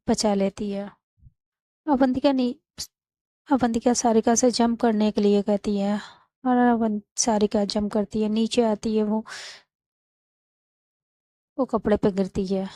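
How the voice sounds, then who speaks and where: Warm-voiced woman retelling a story. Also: medium pitch, a little slow, long pauses, no echo. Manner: chatty, animated retelling. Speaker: storyteller and channel host.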